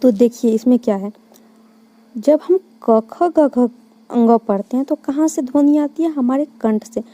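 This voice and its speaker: Female tutor, slightly high, mellow voice; exam-prep lecture, poses questions and answers them herself. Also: measured pace. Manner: explains step by step, answering her own questions. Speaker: Hindi grammar teacher.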